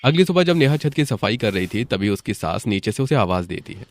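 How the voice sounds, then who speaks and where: A man with a lowish voice narrates an animated story at a steady, even pace. Light background music runs under him. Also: brisk.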